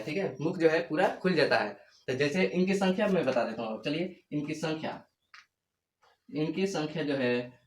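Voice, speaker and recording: Repetitive man teaching in an echoey room. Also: a little high. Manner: repetitive, asks questions and answers them himself; slow, drawn-out demonstration of sounds. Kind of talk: whiteboard grammar lecture.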